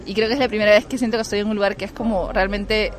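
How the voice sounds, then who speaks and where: A woman's voice: medium pitch, steady tone, racing. A woman from Peru with a Peruvian Spanish accent, an artist answering thoughtfully with many hesitations. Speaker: artist fellow. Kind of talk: interview answers. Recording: clear music behind.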